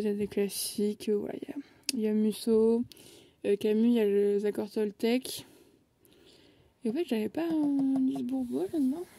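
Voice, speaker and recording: Chatting casually on her phone at home, a young woman vlogger shows off her bookshelf, her speech thick with hesitations. Her voice is fairly high and mellow.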